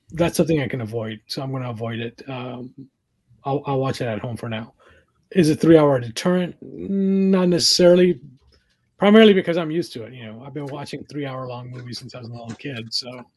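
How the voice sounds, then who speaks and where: A man co-hosting a casual chat, teasing his partner and pausing often as he thinks. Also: mid-range voice, a little mellow, husky. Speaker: co-host.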